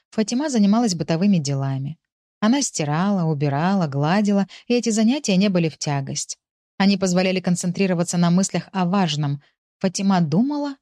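Slow, measured woman narrating an audiobook. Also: fairly low pitch, a little mellow, dry recording, studio quality. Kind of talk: scripted narration.

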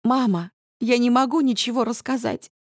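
A woman reading the part of a tearful young daughter who shouts hysterically at her mother. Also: on the high side, normal speed, no echo, clean studio sound, lightly acted.

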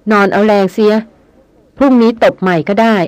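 A reader voicing a rugged, stoic jungle hunter who answers with calm, curt, wry politeness, in an audiobook reading. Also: medium pitch, moderate pace, clear, resonant tone, no echo, natural voice.

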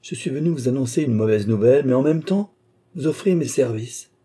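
A man voicing a calm, dry, scheming English baronet in an audiobook reading. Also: medium pitch, fairly quick, slightly rough, voice pushed up. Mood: sardonic.

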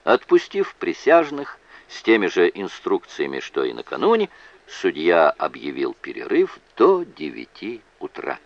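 A man narrating a thriller audiobook in an expressive, dramatic manner. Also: low-pitched, a little slow, gravelly, no room sound, dull audio.

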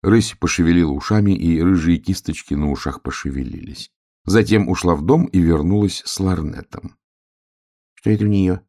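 A man reading a children's story aloud, expressive and acting out each animal. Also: sits low, moderate pace.

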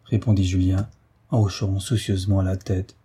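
A man narrating a nineteenth-century adventure novel in a measured, literary way. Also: low-pitched, little pitch movement, dark tone, slightly rough. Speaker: audiobook narrator.

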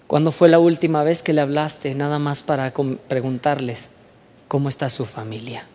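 A man with a Mexican accent giving a storytelling talk, dropping to hushed asides and rising again, often checking in with short rhetorical questions. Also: fairly high pitch, normal speed, long reverb tail, a little hiss or hum. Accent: Mexican Spanish. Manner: animated, swings between hushed asides and raised voice, rhetorical questions.

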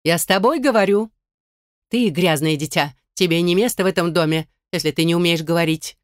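A woman's voice: fairly low pitch, moderate pace, clear, resonant tone, no room sound, clean studio sound, natural voice. A woman playing a stern, scolding stepmother. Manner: harsh and scolding. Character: stern, cold noblewoman stepmother. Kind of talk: audiobook role reading.

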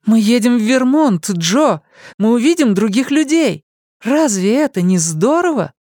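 Audiobook: hopeful, talkative young woman, high and lively, done by a male narrator, dry close sound. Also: normal speed, no room sound. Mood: excited. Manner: raised, excited delivery.

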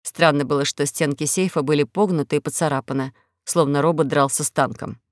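A woman narrating an audiobook in an even, measured storytelling manner. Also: low voice, no echo, clean studio sound. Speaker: audiobook reader. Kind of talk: scripted narration.

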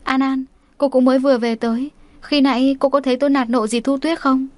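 A woman's voice: high voice, steady tone, a little fast, dry recording, pitched above the performer's own voice, lightly acted. A woman doing a proud, indignant young woman. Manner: indignant, hoarse when holding back tears. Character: young woman, proud, angry, holding back tears.

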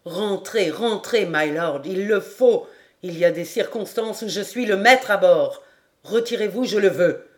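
A man's voice: high voice, moderate pace, few pauses, natural voice. A woman reading the part of a firm, commanding young male ship captain in an audiobook.

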